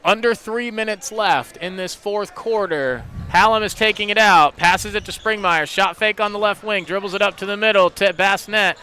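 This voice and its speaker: A man doing rapid play-by-play for high school basketball on radio, chatting with his co-hosts between plays. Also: bright, forceful tone. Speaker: play-by-play announcer.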